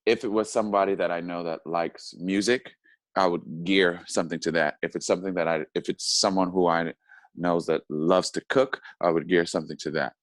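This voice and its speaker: A man, an actor, talking casually as an interview guest, halting and often repeating his words. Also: deep voice, fairly even intonation, no room sound.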